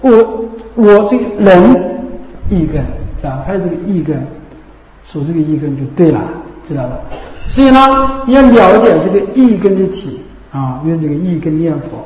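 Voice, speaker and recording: High-voiced man giving a Buddhist sermon. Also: expressive, normal speed, a little mellow. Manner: repetitive, checks in with rhetorical questions. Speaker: Buddhist teacher. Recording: echoey hall reverb.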